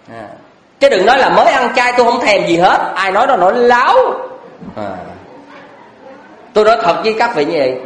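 A male Buddhist monk with a high voice gives an earnest dharma talk in a lecture hall, blunt and emphatic, with rhetorical questions. His voice echoes through the hall.

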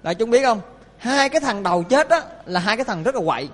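Monk, high voice, storytelling sermon, lively, long hall echo. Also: male voice, quick pace. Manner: lively, questioning the audience. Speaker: Buddhist monk preacher.

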